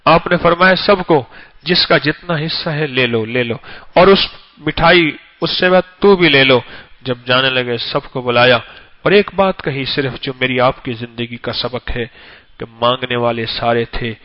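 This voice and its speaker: A man preaching an emotional storytelling sermon, repeating phrases for emphasis and swinging between loud and hushed delivery. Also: mid-range voice. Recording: dull lo-fi recording.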